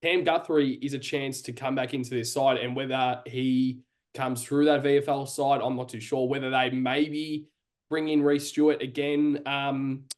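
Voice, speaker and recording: A man's voice: medium pitch, flat delivery, normal speed. Chatty Australian man hosting a footy podcast. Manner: chatty, stammering, trails off into asides. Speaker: podcast host. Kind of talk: casual chat.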